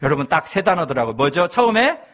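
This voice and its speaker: A man's voice: on the high side, very animated, fast talker, fairly bright tone. A male pastor in his thirties, preaching a sermon with humorous personal storytelling.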